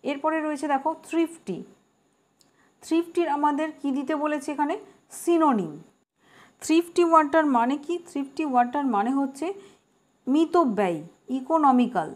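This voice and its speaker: A woman's voice: sits high, expressive, moderate pace, pauses often. A woman teaching an exam-prep grammar lesson, explaining words patiently, repeating them and spelling them out letter by letter. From West Bengal.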